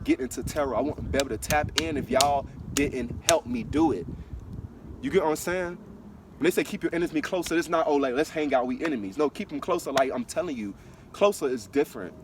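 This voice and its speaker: A man from Florida speaks emphatically about his own life, circling back with "you get what I'm saying." He sits a bit away from the mic, and his mid-pitched voice carries over faint traffic and urban background noise. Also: distant mic. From Broward County, Florida. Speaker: spiritual vlogger. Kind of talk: personal testimony vlog.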